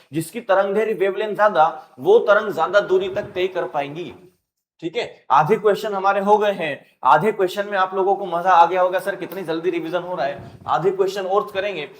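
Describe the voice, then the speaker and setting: A man teaching a rapid-fire exam revision lesson, playful and animated, acting out sounds and student lines. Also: high voice, reverberant, slight background noise.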